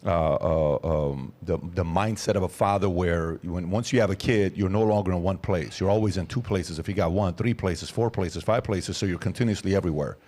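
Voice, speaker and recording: A man's voice: deep voice, fairly quick, few pauses, a little mellow. A man in his forties hosting a podcast, building long questions with many fillers before he asks. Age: 40s. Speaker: podcast host. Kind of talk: interview questions.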